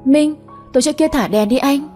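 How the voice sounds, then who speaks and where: A woman's voice: sits high, moderate pace, warm tone, faint music behind, voice pushed up, close to an everyday voice. A woman voicing a jealous young village woman who speaks in a whiny, reproachful way. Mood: sulky.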